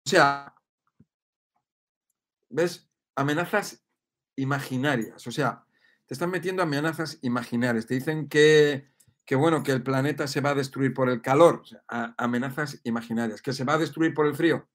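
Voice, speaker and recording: A man's voice: mid-range voice, normal speed. A man giving an emphatic, repetitive motivational monologue. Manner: emphatic and repetitive, often asking "¿ves?" and "¿vale?". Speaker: speaker on personal growth.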